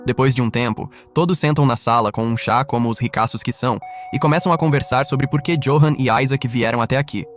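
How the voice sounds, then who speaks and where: A man narrates a scripted recap at a brisk clip, his voice sitting at an ordinary middle pitch. He keeps a wry, teasing edge throughout, with faint music underneath.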